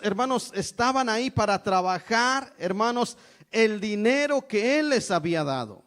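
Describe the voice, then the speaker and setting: Preaching an evangelical sermon with great emphasis, a high-voiced, middle-aged Mexican man keeps repeating "hermanos." Nearly every phrase carries a call to his brothers and sisters.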